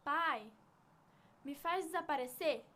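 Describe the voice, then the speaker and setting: A woman's voice: high voice, slow pace, fairly bright tone. A female actor playing a wistful, imaginative young daughter in a naturalistic drama. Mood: earnest.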